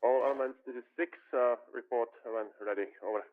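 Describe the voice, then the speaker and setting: A man's voice: mid-range voice, fairly even intonation, fairly quick. A man on a static-filled military radio net, giving clipped call-outs as platoon leader with hesitant fillers. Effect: military radio chatter through static bursts. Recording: tinny radio transmission.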